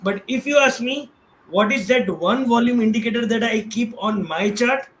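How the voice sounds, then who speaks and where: Here the speaker is a man with a very high-pitched, fairly bright voice and an Indian accent, moving at a moderate pace. As a guest expert from the trading world, he walks through stock trading casually, pausing to check in, against a roomy echo and faint background noise.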